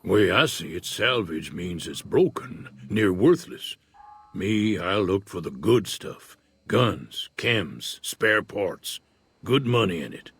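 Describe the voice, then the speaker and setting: An aging prospector from a video game, laid-back but wary. His voice sits very low and husky, with a folksy drawl. It is recorded close and dry. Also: big pitch swings, takes it slowly, a bit bright, no echo, heavily acted. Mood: easygoing. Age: older. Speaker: retired prospector in a frontier town.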